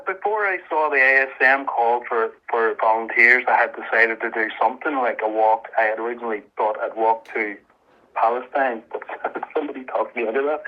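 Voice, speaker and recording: A man giving an earnest, halting, emotional personal account as a guest in a radio interview. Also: mid-range voice. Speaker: interview guest, activist volunteer. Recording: muffled, band-limited radio interview sound.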